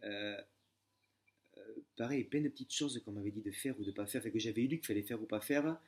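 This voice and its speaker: A man's voice: lowish voice, a little fast, darkish tone. A young man talking casually in a vlog, telling stories full of fillers and restarts. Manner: hesitant, many fillers and restarts; chatty, familiar storytelling. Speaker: exam candidate sharing his method.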